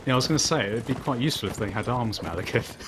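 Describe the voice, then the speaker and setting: A man's voice: medium pitch, animated, racing, noisy background. A young man guesting on a game stream, chatting casually, laughing often and joking sarcastically about himself. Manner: laughs often, self-deprecating, playfully sarcastic. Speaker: guest YouTuber. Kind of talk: casual gaming chat.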